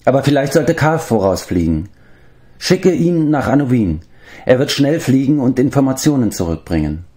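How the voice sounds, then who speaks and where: A man's voice: mid-range voice, big pitch swings, moderate pace, dark tone, pitched above the performer's own voice, natural voice. A man voicing an earnest young male helper who speaks in an eager, respectful way. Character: earnest young male assistant pig-keeper.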